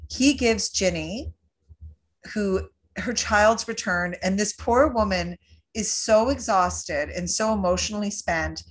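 A woman's voice: medium pitch, slow pace. Chatty Canadian woman in her forties. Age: 40s. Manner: chatty, jokey, recaps the film plot. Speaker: podcast host. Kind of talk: casual chat.

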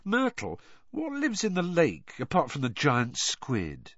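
A man's voice: a little high, huge pitch swings, slow pace, a bit bright, no room sound, pitched above the performer's own voice, exaggerated voice. A man voicing an earnest, indignant teenage boy wizard in an audiobook. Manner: earnest, indignant, a bit awkward. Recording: dry, dull lo-fi recording.

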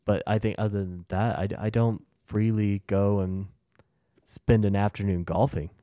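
Casting: young male podcast co-host, very low warm voice, dry close mic, easygoing and rambling. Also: moderate pace, dry recording. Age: young adult. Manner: relaxed, rambling, with many restarts. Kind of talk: casual chat.

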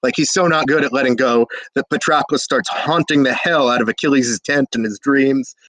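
A man's voice: mid-range voice, brisk, fairly bright tone, dry recording, low-quality recording. A drunk young man retelling an old epic in a rambling, slangy way, with hiccups and lots of fillers. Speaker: drunk storyteller.

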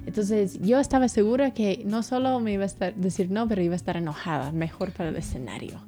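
A woman from the United States, a guest telling a lively personal story and acting out the people in it. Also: medium pitch, quick pace, soft background music. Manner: animated, acts out the people in her story.

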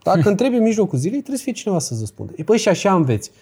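A man's voice: sits high, very animated, warm tone, slightly rough. A young man from Romania giving casual, blunt advice in a podcast chat, full of slang and rhetorical questions. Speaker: crypto guest.

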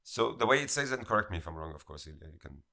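A man's voice: sits low, expressive, quick pace, pushed and bright. A man co-hosting a casual podcast, telling a story in a rambling, chuckling way. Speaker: podcast co-host.

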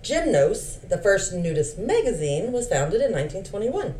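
A woman's voice: mid-range voice, big pitch swings, normal speed, warm tone. A woman co-hosting a podcast, reading history notes aloud in a casual chat and breaking off for playful asides. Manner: reads facts with playful asides. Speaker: podcast co-host. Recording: roomy, slightly distant mic with faint hiss.

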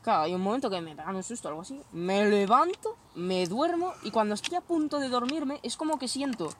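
A woman's voice: on the high side, animated, fairly quick, a little hiss or hum. A young woman hosting a casual chat, telling stories animatedly and swearing freely. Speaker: host.

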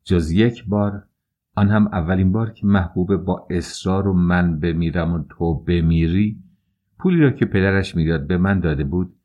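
Deep-voiced man narrating an audiobook. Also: phone-quality sound. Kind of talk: scripted first-person narration.

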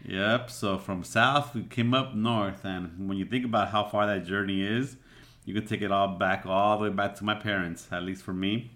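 A man's voice: lowish voice, steady tone, moderate pace, a bit bright. A man hosting a casual podcast, talking in a loose, reflective way with lots of "you know" fillers. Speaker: podcast host.

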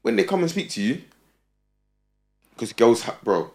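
A man's voice: mid-range voice, very animated, normal speed, vocal fry, darkish tone. A young man with a London roadman accent, talking casually and conversationally in street slang.

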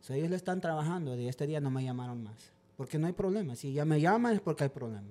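Dog trainer guy telling stories on a podcast, mellow dark voice, drops english words in. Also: fairly high pitch, quick pace. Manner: animated storyteller, mixes in English words. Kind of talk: casual podcast storytelling.

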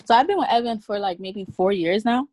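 A woman's voice: mid-range voice, expressive, fairly quick, darkish tone, dry recording. A woman in her twenties from Queens, speaking as a podcast guest in a casual, slangy, candid way. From Queens, New York. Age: 20s. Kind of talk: casual interview.

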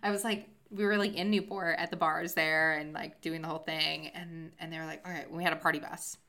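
A woman's voice: low voice, little pitch movement, brisk, pushed and bright. A young woman co-hosting a podcast, talking in an enthusiastic, rambling and self-deprecating way. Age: young adult. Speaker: podcast co-host. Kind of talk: casual chat.

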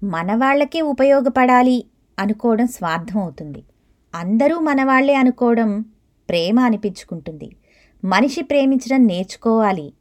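A woman reading the lines of a gentle, wise old grandfather who calmly gives advice, in storybook narration. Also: on the high side, moderate pace, close to an everyday voice. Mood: gently advising. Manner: calm, advising.

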